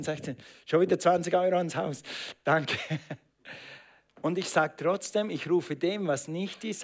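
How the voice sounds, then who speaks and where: A man preaching a sermon, stressing and repeating phrases and calling on the congregation to answer back. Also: fairly high pitch. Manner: emphatic, repeats phrases, calls on congregation to respond.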